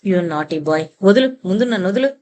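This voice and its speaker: A woman voicing a stern, gruff older army major who barks and scolds in a booming way. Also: steady tone, a little fast, a little hiss or hum, lightly acted. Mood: commanding.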